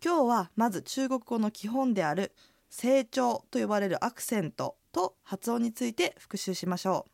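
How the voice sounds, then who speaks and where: A woman's voice: fairly high pitch, expressive, normal speed, creaky, a little mellow, dry recording, studio quality. A woman from Toyama, an inn hostess co-hosting a radio language lesson, guiding the talk with comments. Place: radio studio.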